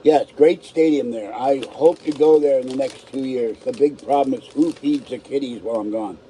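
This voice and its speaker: Lisping, toothless man with a dark voice. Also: mid-range voice, normal speed, slight background noise, poor audio. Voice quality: toothless speech, tongue hitting roof of mouth; natural lisp. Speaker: livestream host. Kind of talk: casual live stream chat, reading aloud and commenting.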